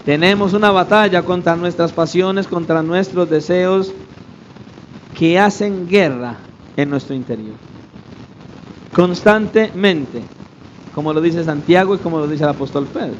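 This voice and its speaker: High-voiced man preaching a fiery sermon. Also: a little slow, pauses often, highs cut off, slight background noise. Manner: emphatic preaching, rhetorical questions to the congregation. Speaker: pastor.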